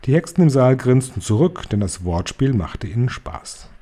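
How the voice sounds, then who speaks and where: A man reading a children's book aloud in a calm, even storytelling manner. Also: medium pitch, moderate pace, slightly rough. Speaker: reader.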